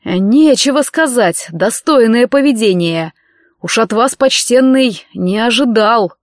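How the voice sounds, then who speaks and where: A woman's voice: on the high side, lively intonation, takes it slowly, no room sound. A woman voicing a stern older male guardian who speaks with cold indignation through his teeth, in a dry audiobook reading. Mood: indignant.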